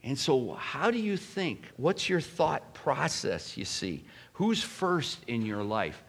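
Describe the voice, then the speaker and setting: Male pastor, animated sermon delivery, big swings between loud and hushed. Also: mid-range voice, slow pace.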